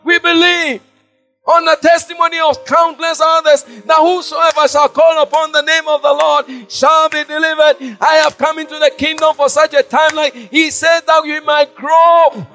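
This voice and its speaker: A man preaching an impassioned sermon, shouting much of it. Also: very high voice, flat delivery, normal speed, soft background music.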